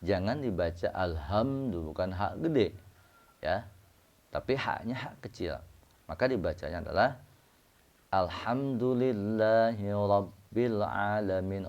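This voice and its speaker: A man from Indonesia teaching recitation, explaining slowly and chanting verses in long drawn-out tones. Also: sits low. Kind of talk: slow spoken lesson with chanted recitation examples. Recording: dull lo-fi recording.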